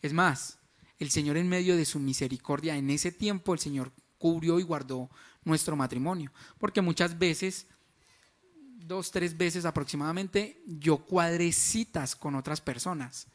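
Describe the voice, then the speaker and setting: A man's voice: a little high, measured pace. A man, frankly telling the story of his marriage in a church testimony. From Colombia. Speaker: husband sharing a testimony.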